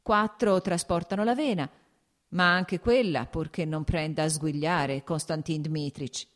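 A woman's voice: deep voice, measured pace. A woman reading the part of a farm steward man who answers with shrugging excuses. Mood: defensive.

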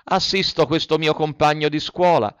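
A man's voice: normal speed, smooth, dry recording, lightly acted. Pinocchio, a man doing a wailing puppet boy. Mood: frightened pleading. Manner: high, wailing, pleading. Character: wooden puppet boy, mischievous, tearful. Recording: dry, slightly dull recording.

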